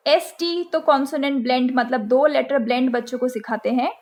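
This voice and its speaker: A woman from India hosting a channel, teaching phonics to parents and spelling letters out and repeating sounds slowly, with an Indian accent. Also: high voice. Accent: Indian English. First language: Hindi.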